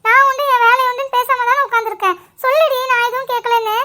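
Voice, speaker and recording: A woman voicing a chatty, quick-tempered young village woman in a family cartoon, teasing and scolding in a bickering way. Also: extremely high pitch, steady tone, sharp tone. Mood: indignant. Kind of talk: animated cartoon dialogue.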